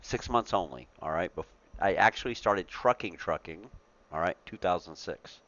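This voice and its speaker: Deep-voiced man in his forties, laughing talk. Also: normal speed, fairly bright tone, dull audio. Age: 40s. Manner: profane, laughing, repeats himself. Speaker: trucking talk show host. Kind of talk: casual chat.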